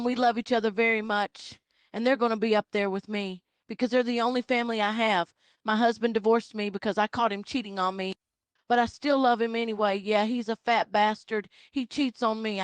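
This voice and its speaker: A woman voicing a loud, proud Southern Baptist mother in her forties with a Southern US accent, talking in an earnest, rambling, repetitive way. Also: fairly high pitch, steady tone, a little fast, smooth, dry recording, natural voice.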